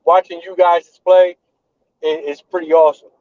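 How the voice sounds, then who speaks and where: Man in his thirties, podcast host, earnest, repeats himself, slightly high voice, dull dry call sound. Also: little pitch movement, moderate pace, no echo. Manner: earnest, repeats phrases while building a point. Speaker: podcast host and event organizer. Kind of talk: casual chat.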